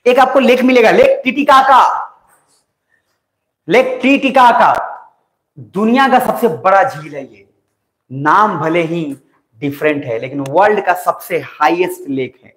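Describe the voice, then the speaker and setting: A young male teacher with a high, bright voice gives a coaching lecture. He is talkative, slows down to dictate notes, and keeps checking that the class follows. The sound is roomy and echoes off the classroom walls. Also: lively intonation. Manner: talkative, dictates notes slowly, asks students if they follow. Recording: roomy echo.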